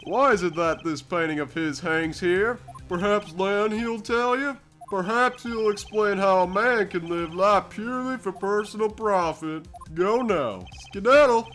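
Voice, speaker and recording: A man's voice: high voice, measured pace, fairly bright tone, soft background music. A man in an overacted amateur game dub, playing a pompous, smug, theatrical corporate villain who talks mockingly. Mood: haughty dismissive. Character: pompous, smug male corporate villain with mangled grand words.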